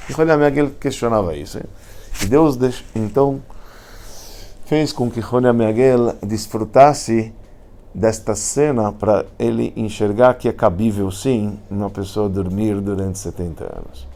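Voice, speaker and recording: A man's voice: on the low side, unhurried. A man, a rabbi telling a Talmud story in a casual, colloquial lesson. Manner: animated, colloquial, with slang and restarts. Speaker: rabbi teaching a class.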